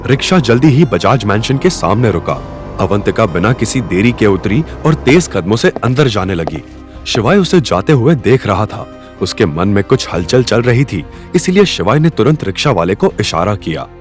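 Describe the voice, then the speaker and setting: Deep-voiced man narrating an audio drama. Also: moderate pace, music in the background. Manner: dramatic, expressive storytelling. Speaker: storyteller.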